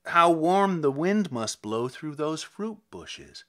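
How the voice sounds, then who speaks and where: Man reading as curious young maiden, slow and expressive. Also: on the high side, heavily acted. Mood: fascinated. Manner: hushed, then wondering. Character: curious, golden-haired young maiden, drawn to temptation. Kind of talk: dramatic poetry reading.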